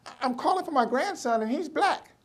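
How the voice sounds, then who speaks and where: A woman's voice: high voice, expressive, a little fast, background noise, pitched above the performer's own voice. A man voicing a confused elderly grandmother who stammers on the phone. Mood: flustered. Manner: hesitant, stammering.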